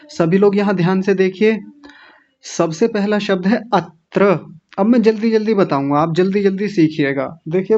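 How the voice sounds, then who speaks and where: A male teacher leading an online recitation class, patiently drilling each word slowly, syllable by syllable. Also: high voice, a little mellow, lo-fi sound.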